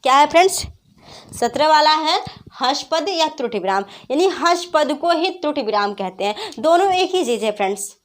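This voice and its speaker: A woman with a high, expressive voice teaches a grammar class online. She repeats questions to her students, calls them friends, and explains slowly and patiently using examples.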